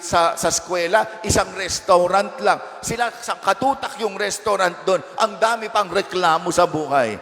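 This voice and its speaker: High-voiced priest preaching in reverberant church. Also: male voice, a bit bright. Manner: asks the congregation frequent rhetorical questions; playful, teasing asides. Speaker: parish priest. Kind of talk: conversational homily.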